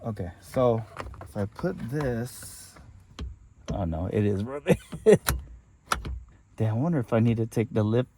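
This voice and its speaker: Sleepy, gravelly man in a garage. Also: medium pitch, lively intonation, a little slow, pauses often, noisy background. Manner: laid-back, joking, talks while working. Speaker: car channel host. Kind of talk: casual workshop vlog narration. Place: home garage.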